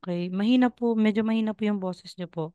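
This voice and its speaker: A woman's voice: medium pitch, fast, dark tone, no echo, dull audio. A woman from the Philippines teaching Korean over a video call, patiently coaching students and repeating sounds. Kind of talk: online class teaching.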